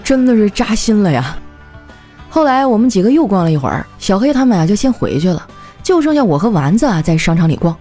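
A chatty young woman with a lively, mellow voice. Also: mid-range voice, a little fast, soft background music. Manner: chatty, laughing as she talks. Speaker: comedy podcast host. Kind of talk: comic storytelling monologue.

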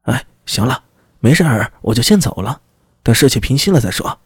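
A man's voice: mid-range voice, lively intonation, fairly quick, breathy edge, no echo, clean studio sound. A man reading an audiobook, voicing a brusque young male constable officer who gives blunt, warning advice. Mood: urgent advice.

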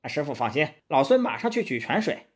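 A man voicing a cocky, quick-witted male monkey king in a storybook tale, brash and self-assured. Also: fairly high pitch, very animated. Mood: eager.

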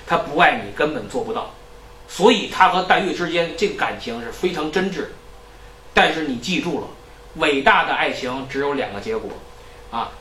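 A man lecturing in a lively storytelling style, acting out characters' lines. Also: on the high side, roomy sound, far from the mic, a little hiss or hum, poor audio.

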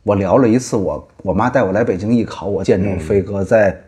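Low-voiced male podcast co-host. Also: fairly quick, dark tone. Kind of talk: casual podcast chat.

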